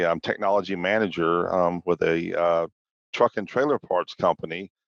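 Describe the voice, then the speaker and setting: A man giving conversational interview answers as a podcast guest, halting and repeating words as he thinks. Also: low voice. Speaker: podcast guest, cybersecurity executive. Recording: dull, roomy sound.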